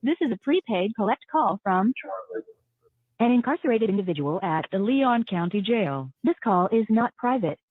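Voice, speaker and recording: A woman's voice: medium pitch, animated, normal speed, no room sound. A woman's recorded voice giving a formal automated announcement over a payphone line. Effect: recorded message over a payphone line. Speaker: automated jail call announcement. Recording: tinny dry phone line.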